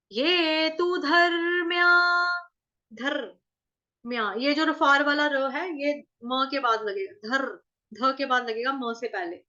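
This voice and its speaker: A woman teaching Sanskrit verse pronunciation, sounding out syllables slowly and asking and answering her own questions. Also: high voice, bright, forceful tone. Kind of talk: pronunciation lesson, slow syllable-by-syllable chanting. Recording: dull lo-fi recording.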